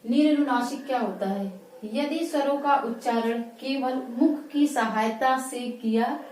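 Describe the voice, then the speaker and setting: A woman teaches a grammar lesson at a whiteboard, drawing out and repeating each word as she writes. Her voice is soft and mellow, a little high. She is some way from the mic in an echoey room. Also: distant mic, slight background noise. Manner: slow, repeats words while writing. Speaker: Hindi teacher.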